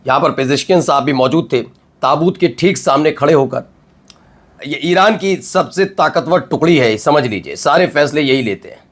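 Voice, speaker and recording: A man hosting a news commentary show, emphatic and full of rhetorical questions and drawn-out pauses. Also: on the high side, animated. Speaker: news anchor.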